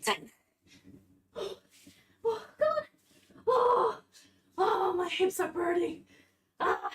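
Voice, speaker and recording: A woman's voice: very high voice, huge pitch swings, very slow. A woman streamer chatting casually and swearing while out of breath from exercise. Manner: casual, laughing, swears a lot.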